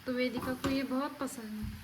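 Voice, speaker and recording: Indoors at home, a woman with a Pahadi accent talks to viewers for her family vlog before cooing to a baby. Her high voice holds fairly even intonation at a normal speed, with heavy background noise throughout.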